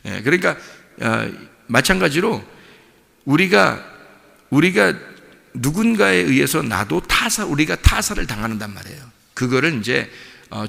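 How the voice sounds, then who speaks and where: Animated, raspy-edged Korean pastor preaching. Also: male voice, mid-range voice, in a large hall. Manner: animated preaching, acts out voices, asks the congregation. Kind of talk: dawn service sermon.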